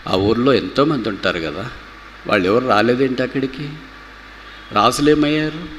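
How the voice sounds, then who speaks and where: A man preaching a gospel sermon with passion, swinging from loud rhetorical questions to low, slow pleading. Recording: reverberant hall with faint background noise.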